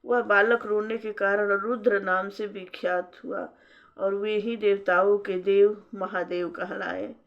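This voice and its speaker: Slow, measured woman storyteller. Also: mid-range voice, steady tone. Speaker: devotional storyteller. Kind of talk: scripture narration. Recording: dull lo-fi recording.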